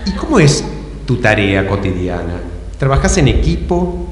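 Soft background music plays as a man with an Argentine accent, hosting improv, teases an audience member and echoes what they say. His mid-range voice swings widely in pitch at normal speed, and the live crowd fills an echoey hall.

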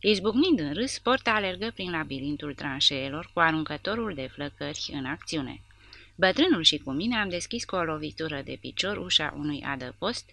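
A woman reading an audiobook with a steady, dramatic narration. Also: low-pitched, vocal fry.

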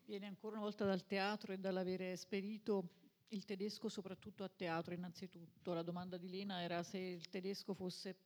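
A woman moderating a literary event, summarizing a guest's answers in a fluent, measured way. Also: medium pitch, flat delivery, darkish tone. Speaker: moderator and interpreter.

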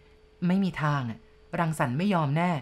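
A woman's voice: sits low, moderate pace. Woman reading as a soothing young leading man. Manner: gentle, reassuring. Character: young male film star, soothing and hiding his fear.

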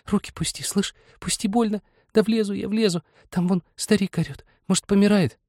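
A man's voice: high voice, fairly even intonation, moderate pace, warm tone, no room sound, clean studio sound, pitched above the performer's own voice. A man putting on a young village woman in a pained whisper. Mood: pained, urgent. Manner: urgent strained whisper, protesting.

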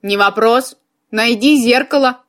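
Лукавый демон-мужчина, озвученный чтицей, тянет слова, голос довольно высокий. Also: female voice, fairly high pitch, a little slow, lightly acted. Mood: offhand. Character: sly male demon from a dark world.

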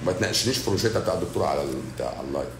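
A man's voice: low-pitched, expressive, rapid-fire, vocal fry, roomy sound, noisy background. A man with an Egyptian Arabic accent, a doctor hosting a livestream who answers viewer comments in a blunt, sarcastic, scolding way.

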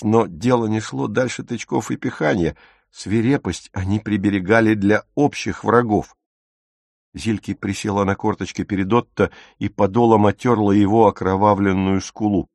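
A man narrating an audiobook with a lively, expressive reading on a close studio mic. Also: fairly low pitch, normal speed, vocal fry, no echo.

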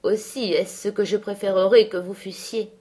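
A whiny, taunting sickly teenage boy, put on by a woman reading a novel aloud. He wheedles and needles in a slightly raised voice of middling pitch. The delivery is read from a book, plainly narrated. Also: steady tone, moderate pace, warm tone, husky, close to an everyday voice. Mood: coaxing.

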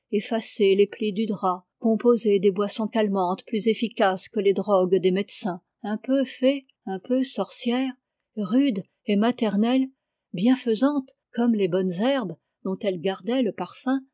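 A woman narrating a classic novel as an audiobook reader, in a calm, even, literary reading close to the mic. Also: medium pitch, dry recording.

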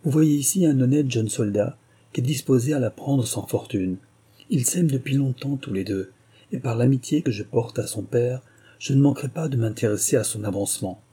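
A man reading an audiobook and voicing a dignified older male baronet with a measured, formal delivery. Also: mid-range voice, warm tone, breathy edge. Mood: stern.

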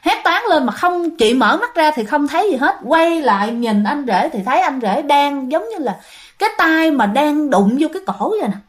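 A woman with a Southern Vietnamese accent tells a ghost story, chatting and speaking directly to her listeners. Her high voice is sing-song and moves at a moderate pace.

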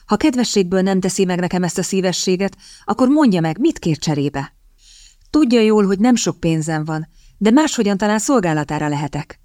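A woman's voice: medium pitch, lively intonation, dark tone, no echo, studio quality, natural voice. A woman voicing a determined young woman in an audiobook, speaking in a coaxing, persuasive manner. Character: sharp, determined young woman seeking a husband.

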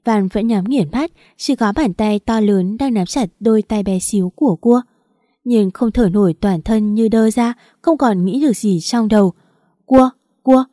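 A woman narrating a romance novel as an audiobook, steady and emotive. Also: medium pitch, normal speed, no echo, clean studio sound.

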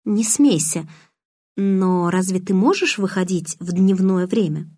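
A woman reading an audiobook, voicing a shy, curious, stubborn teenage girl in a soft, earnest manner. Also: fairly low pitch, a little slow, husky, dry recording.

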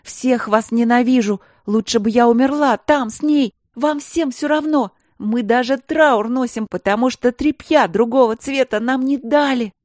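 A woman voicing a furious, grieving teenage princess who hurls shrill accusations at her sisters. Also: moderate pace, few pauses, darkish tone, dry recording, clean studio sound, lightly acted. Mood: screaming.

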